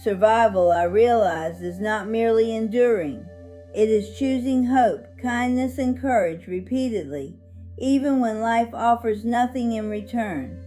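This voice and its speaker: A woman plays an elderly woman survivor narrating her life story with solemn dignity and hope. The delivery is slow and measured, in a soft-edged, mellow tone that sits a little high. Music plays behind the earnest storytelling. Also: lightly acted. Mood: solemn, hopeful. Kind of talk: scripted first-person life-story narration.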